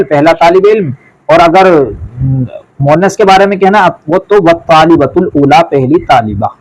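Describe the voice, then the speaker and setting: A man's voice: on the high side, poor audio. A man teaching an Arabic lesson, reading each phrase aloud and then translating it. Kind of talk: classroom lesson explaining Arabic.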